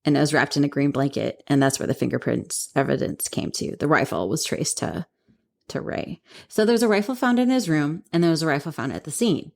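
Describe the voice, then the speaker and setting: Low-voiced female co-host, giggly, rambling storyteller. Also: animated, brisk, vocal fry, darkish tone. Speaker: podcast co-host. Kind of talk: casual chat.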